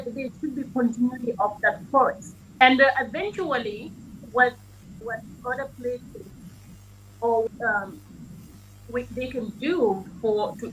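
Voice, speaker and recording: A woman's voice: a little high, a bit bright, slight background noise, poor audio. A woman from Gambia speaking as a panel guest over a video call with a breaking-up connection, hesitant, with many fillers and restarts. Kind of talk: remote panel discussion.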